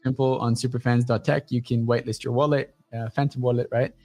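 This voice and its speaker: Blunt, profane man pitching his startup. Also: flat delivery, fast talker, warm tone. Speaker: guest, startup founder. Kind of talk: casual livestream talk.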